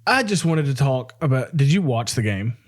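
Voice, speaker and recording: A young man from the American South co-hosts a podcast, rambling casually and laughing often. He has a mid-range voice, very animated, at normal speed.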